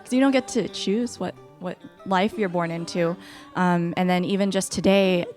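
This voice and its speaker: Woman, young adult, from the US, host, casual chat, playful animated storytelling, slightly low pitch, faint background music. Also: normal speed. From United States.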